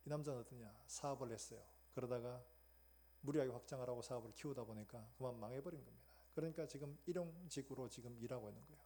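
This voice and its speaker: A man's voice: medium pitch, mellow, breathy edge. A middle-aged male pastor preaching a sermon, telling a story in a chatty way and acting out the voices of the people in it. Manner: conversational storytelling, acts out quoted voices.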